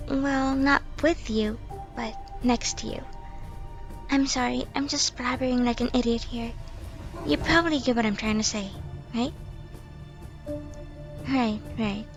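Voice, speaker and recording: A woman's voice: fairly high pitch, measured pace, long pauses, soft background music. A woman playing a timid, self-loathing young female stalker in an ASMR role-play, sweet and eerily obsessive, rambling with nervous apologies. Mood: flustered, shy.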